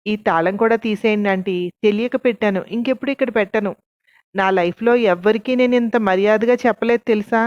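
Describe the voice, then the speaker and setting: A woman's voice: medium pitch, a little fast, dry recording, dull audio, lightly acted. A woman narrator voicing a proud young man who argues while holding his temper. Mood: restrained irritation. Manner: restrained, arguing.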